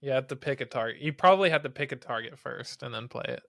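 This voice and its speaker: A man's voice: mid-range voice, expressive, fast, vocal fry, sharp tone, no room sound, clean studio sound. A man co-hosting a casual card game podcast, thinking aloud and floating ideas. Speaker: podcast co-host. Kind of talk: casual chat.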